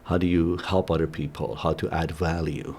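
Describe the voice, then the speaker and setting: Low gravelly man, Armenian native speaker. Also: little pitch movement, darkish tone, a little hiss or hum. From Iran. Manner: earnest, reflective, halting with fillers. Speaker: guest, company CEO. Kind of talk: interview conversation.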